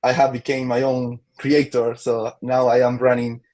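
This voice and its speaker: A man's voice: mid-range voice, little pitch movement, moderate pace, darkish tone. Chilean guy w spanish accent, guest on a video call chat, lots of uhs and restarts, laughs a lot. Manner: hesitant, many fillers and restarts, laughs easily. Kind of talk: casual interview chat.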